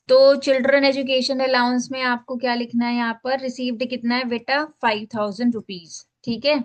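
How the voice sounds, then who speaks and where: A woman teacher walking students through a tax filing form step by step, mixing English phrases into Hindi and checking in often. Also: fairly high pitch. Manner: explains step by step, repeats "ठीक है" to check in. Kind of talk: screen-share tax filing lesson.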